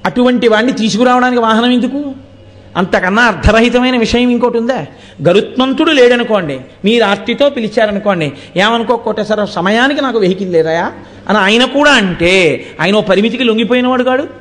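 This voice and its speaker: A man's voice: very high voice, brisk, fairly bright tone. A man giving a religious discourse, explaining like a teacher and often putting rhetorical questions to the audience. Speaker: devotional discourse speaker.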